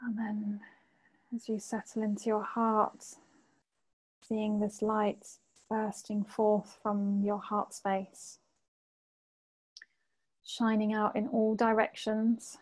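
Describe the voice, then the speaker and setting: Female meditation guide, sleep-story narrator feel: soft-toned and mellow, very even pitch, lots of space between phrases. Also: low-quality recording. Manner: gentle, unhurried phrasing with long pauses.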